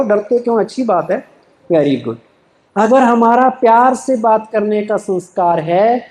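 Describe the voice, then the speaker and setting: A man's voice: high-pitched, warm tone, echoey room, poor audio. A man giving a motivational spiritual talk to a live audience, often asking rhetorical questions and answering them himself. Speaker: spiritual speaker.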